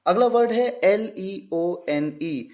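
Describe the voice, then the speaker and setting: Lively-voiced male English tutor. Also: sits high, slow. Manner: poses questions and answers them himself; spells words letter by letter. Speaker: English teacher. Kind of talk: grammar lesson.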